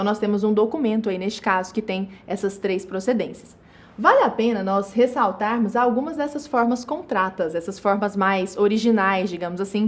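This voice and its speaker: A woman teaching a recorded online grammar lesson, explaining step by step and slowing down to stress each example. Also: on the high side. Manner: explanatory, stresses words slowly and spells out examples.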